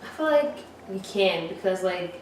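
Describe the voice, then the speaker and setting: A woman's voice: fairly low pitch, lively intonation, moderate pace, darkish tone, a little hiss or hum. Young woman, blunt, swears, casual, echoey room, distant mic. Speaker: panelist. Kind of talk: casual panel discussion.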